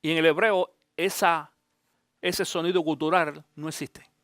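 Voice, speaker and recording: A man, a pastor, giving an animated Bible teaching, often asking his listeners direct questions. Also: on the high side, a little slow, no echo, studio quality.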